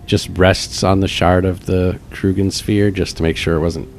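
A man's voice: low voice, flat delivery, moderate pace, darkish tone, a little hiss or hum. A man playing a character in a tabletop game, describing actions in a casual, playful way. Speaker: player.

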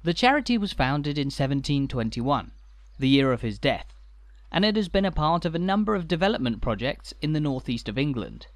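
A man's voice: a little high, very animated, no echo. Man narrating a scripted walking tour. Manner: measured, informative, light dry humour.

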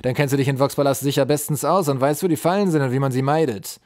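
A man's voice: mid-range voice, steady tone, a little fast, a little mellow, dry recording, clean studio sound, lightly acted. A man voicing a cruel goblin general who interrogates a prisoner in a harsh, threatening, relishing tone. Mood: menacing.

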